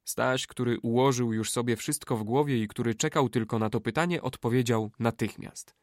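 Male audiobook narrator, steady measured storytelling, mid pitch, dry close recording. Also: no echo. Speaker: audiobook reader. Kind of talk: scripted narration.

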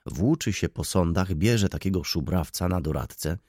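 Male reader as lawyer: wry, muttered remarks, low voice, lively intonation. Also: normal speed, no echo. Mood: sardonic. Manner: dry, sardonic asides. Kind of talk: audiobook reading.

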